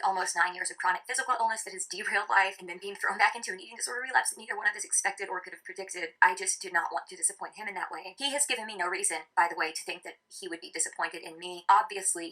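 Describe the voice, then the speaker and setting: Fast, bright-voiced woman in her thirties. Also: mid-range voice, low-quality recording. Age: 30s. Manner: earnest, confiding. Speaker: vlogger. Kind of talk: candid personal monologue.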